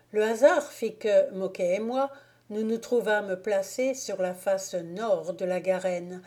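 A woman narrating a classic novel as a volunteer audiobook reader, in a slow, measured, soft-spoken way. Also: mid-range voice. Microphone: home recording, volunteer reader.

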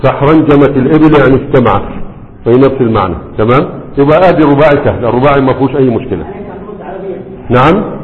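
A man's voice: mid-range voice, animated, fast talker, pauses often. Teacher, male, Egyptian Arabic accent, quizzing the class as he lectures, thin phone-like sound with hall echo. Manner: explains by asking the class and answering himself.

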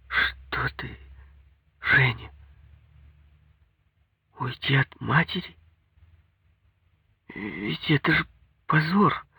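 A man's voice: expressive, extremely slow, vocal fry, long pauses, sharp tone, breathy edge, no echo, studio quality, heavily acted. A man voicing a young wife in an audiobook, anxious, tearful and pleading. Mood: bewildered. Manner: pleading, high-pitched.

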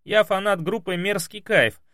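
A man's voice: high-pitched, moderate pace, bright, forceful tone, no room sound, studio quality, voice pushed up. A man reading aloud as a chatty, cheeky young male student of about twenty. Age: 20s.

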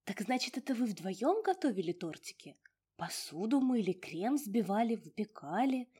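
A woman's voice: medium pitch, very animated, normal speed, dark tone, slightly rough. A woman voicing a curious young shop owner. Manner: inquisitive, wondering.

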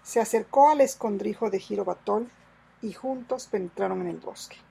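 A woman narrating a novel as an audiobook reader, steady and measured. Her voice is strongly gravelly and quite husky. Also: mid-range voice. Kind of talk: scripted narration.

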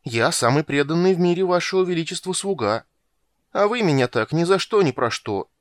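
A man's voice: fairly high pitch, sing-song, fairly quick, a bit bright, no echo, studio quality, pitched above the performer's own voice. A man reading a story aloud and voicing a sly, fawning male spy who wheedles and whines. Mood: sly wheedling. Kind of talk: audiobook reading.

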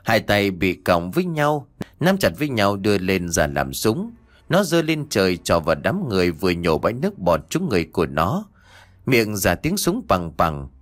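A man reading a horror story aloud as a steady, dramatic storyteller. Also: deep voice, moderate pace. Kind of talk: scripted horror story narration.

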